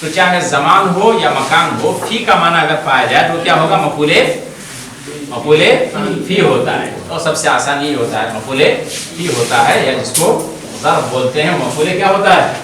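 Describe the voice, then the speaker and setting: A man's voice: a little high, animated, normal speed, a crowd in the background. A man teaching Arabic grammar in a seminary class, repeating terms and quizzing his students. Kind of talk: classroom lecture. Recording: very echoey room, distant mic, students around.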